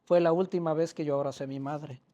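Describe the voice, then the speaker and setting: A man's voice: on the high side, steady tone, quick pace, warm tone, dull audio. An older man, an author telling personal stories to an audience at a book presentation in a plainspoken, emotional way. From Mexico. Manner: emotional, plainspoken storytelling with quoted dialogue. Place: public library hall.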